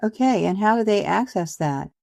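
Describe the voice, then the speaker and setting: A woman's voice: mid-range voice, expressive, normal speed, creaky, darkish tone, no echo. A woman hosting a podcast interview, chatty and encouraging, laughing easily. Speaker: podcast host. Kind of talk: casual interview chat.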